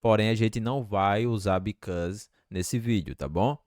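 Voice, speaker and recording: Slow, deep-voiced male English teacher. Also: darkish tone, dry recording, studio quality. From Brazil. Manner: slow, repeating example phrases deliberately. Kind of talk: language lesson.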